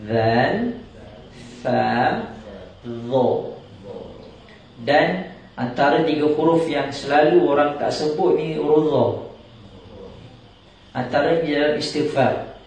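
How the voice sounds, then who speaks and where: A man teaching Quran recitation rules, explaining slowly and chanting example verses between jokey asides. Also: on the high side, a little mellow, slight background noise. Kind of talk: tajwid class with recited examples. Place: large echoing prayer hall. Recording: echoey hall, mic some distance off.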